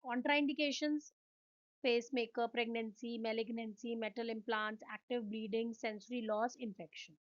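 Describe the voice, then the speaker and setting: On a muffled recording, a woman instructor with an Indian accent lectures on physiotherapy in Hindi and English, keeping a steady tone at normal speed. Her voice sits on the high side, and she asks questions before answering them in a series of points.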